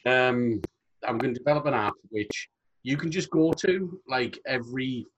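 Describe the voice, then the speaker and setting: A man's voice: mid-range voice, moderate pace, muffled recording, slight background noise. A man co-hosting a podcast, chatting casually and joking as he rambles. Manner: joking, rambling, laughs often. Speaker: podcast co-host. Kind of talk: casual chat.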